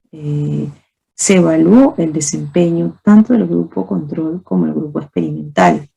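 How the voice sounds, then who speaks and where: A woman's voice: on the low side, creaky, mellow, breathy edge. A woman teacher giving a lecture to other teachers, explaining with spoken examples and rhetorical questions and often asking "¿no?". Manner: often asks "¿no?" to check understanding. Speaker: teacher speaking to fellow teachers. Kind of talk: recorded lecture on early reading.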